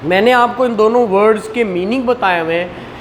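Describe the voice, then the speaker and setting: A woman with a Pakistani accent lectures on law to a class, her medium-pitched voice at a normal pace with slight background noise. She explains conversationally, mixes in English terms, and frequently asks rhetorical questions and acts out dialogue.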